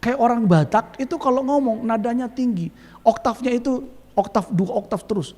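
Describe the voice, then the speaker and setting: A male pastor preaching a sermon in a lively way, quizzing the congregation and calling for amens. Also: very high-pitched, moderate pace. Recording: long hall reverb.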